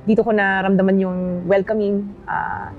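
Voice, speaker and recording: A woman's voice: mid-range voice, level tone, moderate pace, narrow, tinny audio. A middle-aged woman interview guest, chatting casually and politely, mixing Tagalog with English. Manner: mixes Tagalog with English, polite "opo", laughs easily.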